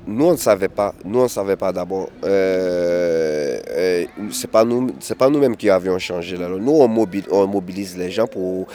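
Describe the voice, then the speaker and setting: A man's voice: low-pitched, warm tone. A man speaks as an interviewee. He talks with many hesitations, repeated words and restarts. He is recorded outdoors in a city. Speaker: interviewee, migrant activist. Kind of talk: candid interview testimony.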